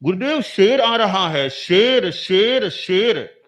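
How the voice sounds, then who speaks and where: A man's voice: sits high, sing-song, slow, a bit bright, muffled recording, full character voice. A man voicing a young male disciple who questions his teacher in an earnest, pleading way. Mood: alarmed.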